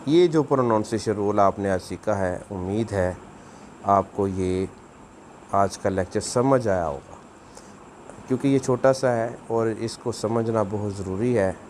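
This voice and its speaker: A man's voice: fairly low pitch, unhurried, a little mellow, a little hiss or hum. A man, giving a video language lesson, explaining patiently and repeating words for practice. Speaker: language teacher.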